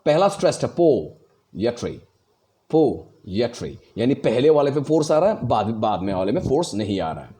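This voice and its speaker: Animated man explaining meter, mellow tone. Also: medium pitch, quick pace. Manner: explains patiently, stresses words to demonstrate. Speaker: English teacher. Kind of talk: explanatory lesson.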